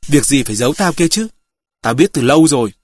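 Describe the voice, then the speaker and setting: A reader voicing a disapproving old village woman who speaks curtly, in a husky voice. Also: mid-range voice, expressive, quick pace, dry recording, clean studio sound, lightly acted. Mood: grumbling. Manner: curt and disapproving.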